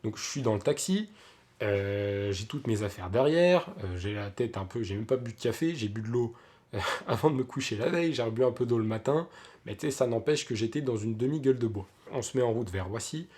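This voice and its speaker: A man's voice: mid-range voice, expressive, a little fast, darkish tone. A young man, telling a story in a casual vlog, chatty, with many fillers and restarts. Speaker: vlogger.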